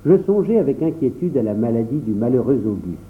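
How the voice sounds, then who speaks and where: A man's voice: mid-range voice, fairly quick. Man narrating a storybook, tinny sound. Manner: expressive first-person storytelling. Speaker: audiobook reader. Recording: tinny phone-like audio.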